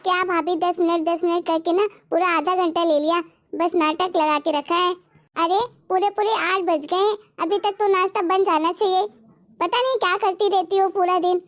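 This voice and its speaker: A woman's voice: extremely high pitch, steady tone, moderate pace, highs cut off. A woman voicing a spoiled young sister-in-law who complains and taunts sarcastically. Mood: nagging.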